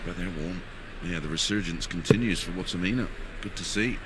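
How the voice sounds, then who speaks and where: A man co-commentates on darts with a fairly low voice. He talks conversationally, with clear venue noise behind him. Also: brisk. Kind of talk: conversational live sports commentary.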